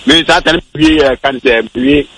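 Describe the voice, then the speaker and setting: A man's voice: mid-range voice, normal speed, fairly bright tone, husky. A man calling in to a radio show, talking in a playful, sing-song way.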